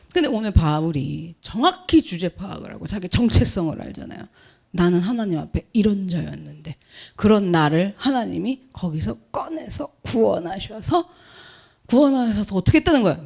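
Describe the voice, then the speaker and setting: A woman's voice: medium pitch, creaky, darkish tone, slightly rough. A woman pastor giving an emphatic sermon, asking the congregation questions and acting out complaining believers.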